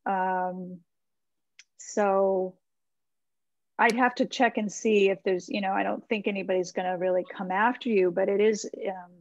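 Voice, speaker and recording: Her voice is medium-pitched and steady, a little slow, and the recording is dry. She is a middle-aged American woman, a website marketing consultant presenting a webinar, giving informal, encouraging website critique and advice while thinking aloud conversationally. She speaks through a computer mic on a video call from a small room with bookshelves, and the audio is slightly dull.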